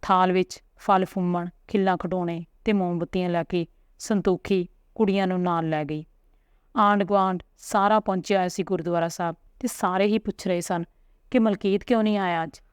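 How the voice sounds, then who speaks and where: A woman narrating a serialized family story with a steady, earnest reading. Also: lowish voice, normal speed, clean tone, no room sound, clean studio sound.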